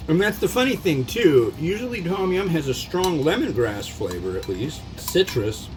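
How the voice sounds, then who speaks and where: A man's voice: on the high side, sing-song, normal speed, over music. A man giving a casual, rambling food review as he eats, with a wry, off-the-cuff manner and frequent tangents. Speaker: food reviewer and mukbang host.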